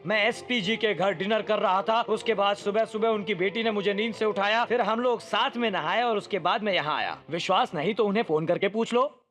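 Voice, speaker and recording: A man's voice: high-pitched, fairly quick, a bit bright, soft background music. A man dubbing a cocky young hero who taunts his enemies with cheeky mockery. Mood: mocking. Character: cocky young male hero, mocking, unbothered. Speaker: dubbing actor. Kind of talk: Hindi film dub. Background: film score.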